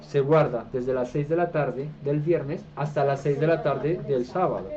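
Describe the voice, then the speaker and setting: A Colombian man leads a home Bible study, his voice sitting somewhat high, and he keeps checking that his listeners follow along. He restarts phrases as he explains. The recording is dull and low-fi, with a faint hiss underneath. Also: measured pace, mellow. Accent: Colombian Spanish. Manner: conversational, asks listeners "¿listo?" and "¿sí?" often; hesitant restarts while explaining. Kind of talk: informal group Bible study.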